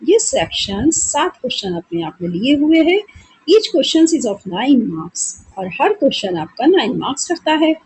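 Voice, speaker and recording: A woman teacher with an Indian English accent, reading exam questions slowly in English and then explaining them in Hindi. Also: high-pitched, sing-song, darkish tone, slightly rough, low-quality recording.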